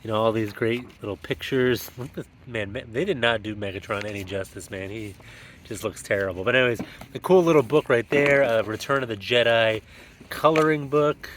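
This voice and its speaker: A man in a casual, excited show-and-tell about his yard sale finds. His voice echoes as if he were in a cave, and he talks with frequent ums and restarts. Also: mid-range voice, brisk, a little hiss or hum. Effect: echoey cave-like sound.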